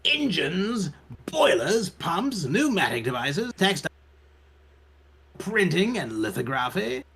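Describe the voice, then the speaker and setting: A man's voice: high voice, very animated, slow pace, fairly bright tone, breathy edge. A man reading game text aloud for a let's play from home, his voice glitching and cutting out over a voice chat call. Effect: voice glitching and cutting out over an online call. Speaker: let's player. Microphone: voice chat mic.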